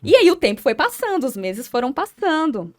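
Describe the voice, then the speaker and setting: A young adult woman with a Brazilian Portuguese accent, a podcast guest telling her personal story earnestly, halting and repeating words as she recalls. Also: sits high, sing-song.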